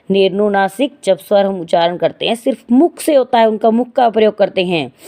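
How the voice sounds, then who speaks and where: A woman's voice: medium pitch, warm tone. A woman teaching a Hindi grammar lesson, posing questions and answering them herself, and drawing out vowel sounds to demonstrate. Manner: explanatory, asks and answers her own questions.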